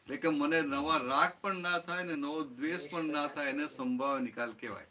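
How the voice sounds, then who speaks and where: In this satsang talk, a male spiritual teacher responds to a question, drawing on everyday examples and frequently making sure the audience keeps up. His pitch is fairly high and his tone steady yet sharp, delivered at a moderate pace.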